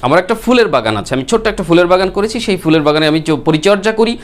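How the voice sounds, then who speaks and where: A man with a Bengali accent teaches a spoken English lesson in a somewhat high voice. He explains patiently and says key words slowly, more than once. He keeps asking his viewers questions as he goes. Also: lively intonation.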